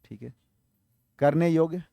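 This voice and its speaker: In a studio recording with no room sound, a man with a fairly high yet gravelly, dark voice takes his time. His exam-prep vocabulary lesson walks through English words one by one, spelling certain ones aloud and answering his own questions to the audience.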